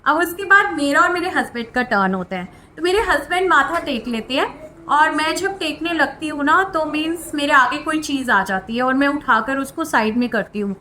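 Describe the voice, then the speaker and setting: A woman earnestly sharing her spiritual experiences as a devotional testimony, in a heartfelt storytelling manner with soft filler words. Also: high-pitched, animated, normal speed, a little hiss or hum.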